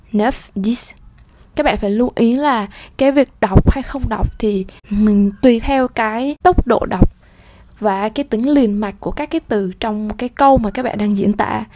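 A woman teaching a French lesson, explaining in a patient way and repeating each number slowly and clearly. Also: a little high, a little mellow. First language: Vietnamese. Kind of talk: language lesson.

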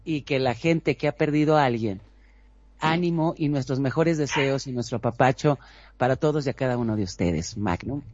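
A man's voice: medium pitch, normal speed, a little mellow, muffled recording. A man co-hosting a radio show, speaking earnestly and encouragingly. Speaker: co-host. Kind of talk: casual radio chat.

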